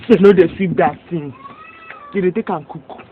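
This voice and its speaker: A woman's voice: on the low side, moderate pace, noisy background, close to an everyday voice. A woman with a Nigerian Pidgin accent plays a weary village woman who complains in an exasperated way. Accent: Nigerian Pidgin English. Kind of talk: film drama acting. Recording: tinny lo-fi audio with loud music.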